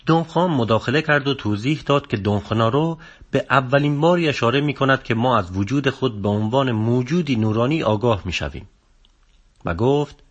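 Man, audiobook narration, steady, subdued, mid-range pitch. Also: husky. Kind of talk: reading a book aloud.

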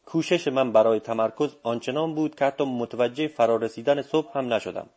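A man narrating a first-person audiobook in a measured, steady reading. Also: medium pitch.

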